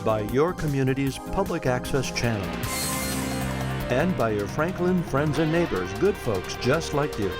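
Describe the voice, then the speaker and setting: A man's voice: medium pitch, expressive, unhurried. A man in the manner of a public access TV host, reading scripted sponsor acknowledgements as an announcer. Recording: loud music under the voice. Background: loud music.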